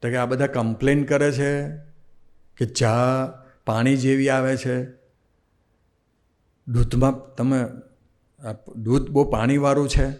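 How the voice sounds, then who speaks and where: A man's voice: medium pitch, takes it slowly, pauses often. A man with a Gujarati accent, a swami giving a devotional sermon who tells stories and acts out the dialogue. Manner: animated storyteller acting out quoted dialogue.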